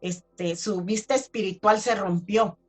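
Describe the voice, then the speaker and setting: A woman's voice: medium pitch, fairly even intonation, measured pace, soft background music. A woman telling her own religious testimony in a chatty, casual way, full of fillers. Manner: chatty storytelling with many fillers. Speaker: testimony speaker.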